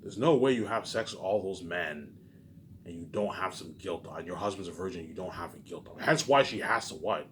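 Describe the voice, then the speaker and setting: This male vlogger has a deep, animated voice with a fairly bright tone and an even, moderate speed. Cursing frequently, he rambles and repeats himself to viewers, punching out emphatic lines that fade into muttered asides over obvious background noise.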